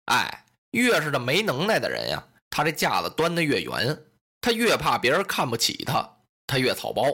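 A man telling a traditional historical story in animated, colloquial narration. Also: medium pitch, moderate pace, slightly rough.

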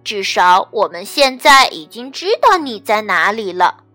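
A woman's voice: mid-range voice, very animated, a little slow, pushed and bright, faint music behind. A woman voicing a cheerful, playful female elephant in a storybook reading, teasing and a little bossy.

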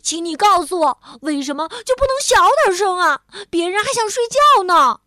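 A woman's voice: very high voice, very animated, normal speed, sharp tone, dry recording, studio quality, pitched above the performer's own voice, exaggerated voice. A woman voicing a young male rabbit in a children's storybook, a grumpy but caring friend. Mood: indignant.

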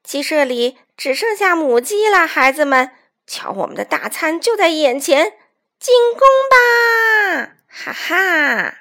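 A woman's voice: high voice, very animated, moderate pace, hardly any pauses, exaggerated voice. A woman voicing a gloating male weasel bandit chief who rallies his gang in a storybook reading. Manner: loud, gloating, bossy.

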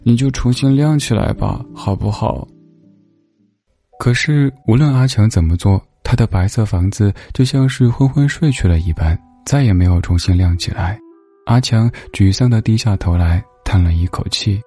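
A man narrating a storybook in a gentle, unhurried way. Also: fairly low pitch, soft background music.

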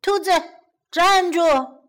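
A woman voicing a hungry, sly male wolf in a bilingual children's storybook, speaking slowly with mock politeness. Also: extremely high pitch, pitched above the performer's own voice. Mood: menacing.

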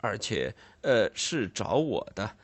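A timid shopkeeper fumbles his words with soft nervous laughs and hesitant fillers, a little lower and quieter than the narration. A man does the voice in a storybook reading. He sounds fretful and eager to apologize. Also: sing-song, takes it slowly, breathy edge, dry recording, heavily acted. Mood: apologetic, flustered.

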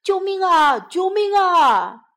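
A great big lion speaks loud and slow, played by a woman reading aloud. It is a proud storybook beast with a roaring voice, told for children. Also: very high-pitched, very animated, voice pushed up, exaggerated voice. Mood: desperate.

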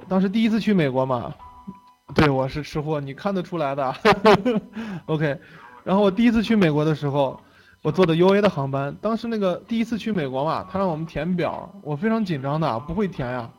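Young guy lecturing, chatty and joking, kinda high voice, soft music in the back. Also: expressive, fairly quick, low-quality recording. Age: young adult. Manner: chatty, laughs often, tags phrases with "OK" and "是吧". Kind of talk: casual storytelling lecture.

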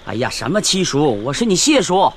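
A man's voice: on the high side, big pitch swings, slight background noise. An actor playing an impatient, nagging older village father with a Northeastern Mandarin accent, riding a bus. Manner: impatient, nagging, quick to complain. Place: inside a moving bus.

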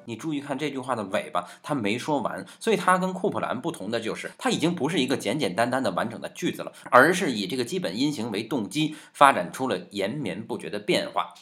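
A man's voice: mid-range voice, big pitch swings, fast talker, hardly any pauses, fairly bright tone. A man hosting a music history lesson, explaining in a playful, jokey way and talking to his piano. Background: piano playing.

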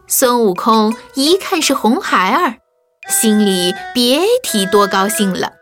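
A woman narrating a children's story in a lively, expressive way. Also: a little high, slow pace. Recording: faint music behind.

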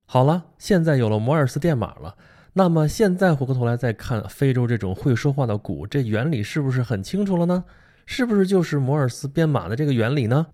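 Giving an informal talk about a book, this native Mandarin Chinese speaker keeps things conversational and often puts rhetorical questions to the listener. He speaks briskly and expressively in a warm, mid-range voice.

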